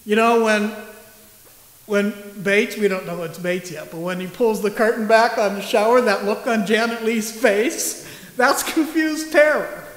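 A man's voice: high voice, measured pace, fairly bright tone. A male pastor preaching a sermon in a church, conversational and joking. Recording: echoey church hall.

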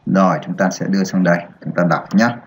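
A man's voice: sits low, slight background noise. A male math teacher explaining a lesson to children step by step, checking in often to make sure they follow. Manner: slow, step-by-step explaining with frequent check-ins to pupils.

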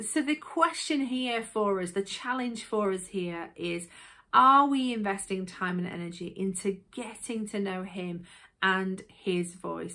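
A woman's voice: mid-range voice, a bit bright. A woman with a Yorkshire accent, hosting a weekly devotional talk in an earnest, reflective way that puts questions to the listener. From England. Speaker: devotional host.

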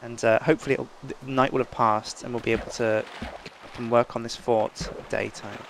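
Creaky-voiced man commentating a game. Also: mid-range voice, little pitch movement, brisk, a little hiss or hum. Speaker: gaming video co-host. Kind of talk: casual gameplay commentary.

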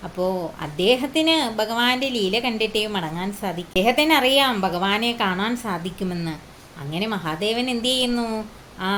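A woman telling a devotional story in an unhurried, casual way, pausing often and asking the listeners questions. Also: mid-range voice, fairly bright tone, slight background noise.

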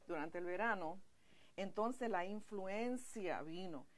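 A woman's voice: medium pitch, expressive, slow pace. Female painter from New York, guest in her studio, storytelling, mixes English into Spanish. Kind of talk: casual interview.

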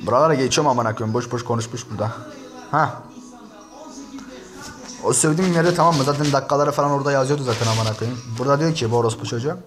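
A man's voice: mid-range voice, fast, pauses often, soft background music. A man ranting and cursing nonstop as he comments on an online insult battle, talking straight to his viewers. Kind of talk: profane screen-share commentary to viewers.

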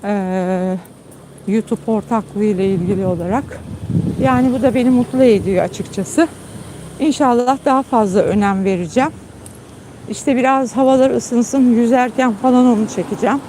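Outdoors at night in a garden, a woman host chats casually with viewers on a phone live stream, tired after a long trip. She's warm-hearted and talkative at a moderate pace, calling her dog in high, coaxing tones over a noisy background.

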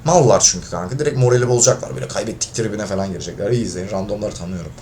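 A man's voice: fairly low pitch, very fast, a little hiss or hum. A man commentating his own gameplay, getting frustrated and swearing at his teammates. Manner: frustrated, swearing, shouts when losing. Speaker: gaming video creator.

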